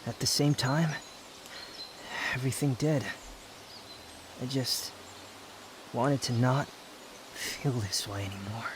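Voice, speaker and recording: A man playing an aloof, brooding young male wanderer, haughty yet tender, in a measured, pensive roleplay ASMR monologue. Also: mid-range voice, noisy background, natural voice. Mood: melancholy. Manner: measured, pensive, dramatic pauses.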